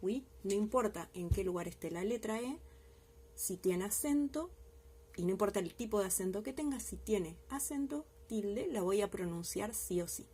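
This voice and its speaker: A woman's voice: medium pitch, a little fast, hardly any pauses, a little mellow, husky. A woman teacher giving a recorded language lesson, explaining patiently step by step and often checking in with her class. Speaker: French teacher.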